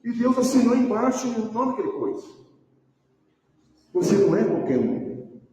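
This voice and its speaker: A Brazilian pastor preaches with a fairly high voice, pressing his points by repeating them and calling people by name. He sounds distant from the mic, in a big church with a long, ringing reverb. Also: sing-song, moderate pace, noisy background. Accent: Brazilian Portuguese. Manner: emphatic preaching, repeating phrases and calling out names. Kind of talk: sermon. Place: church sanctuary. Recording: echoey church hall, voice from far off the mic.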